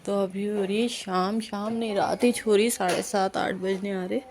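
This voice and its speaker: Hoarse young Hyderabadi mother vlogging. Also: mid-range voice, fairly even intonation, darkish tone. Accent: Hyderabadi Urdu. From Hyderabad, India. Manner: chatty, brisk, coaxing. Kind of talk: casual vlog narration. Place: home, indoors.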